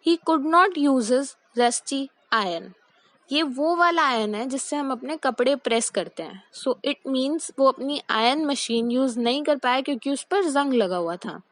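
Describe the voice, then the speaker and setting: A young woman teaching English pronunciation in a mix of Hindi and English, repeating each word and reading example sentences slowly and deliberately. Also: high-pitched, lively intonation, no echo, low-quality recording. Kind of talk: explanatory lesson mixing Hindi and English.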